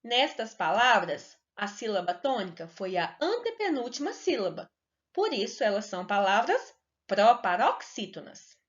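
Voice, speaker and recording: Woman teaching children, lively and sing-song. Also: medium pitch. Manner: slow, clear and sing-song, stretching words to stress syllables. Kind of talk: recorded lesson for children. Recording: dull lo-fi recording.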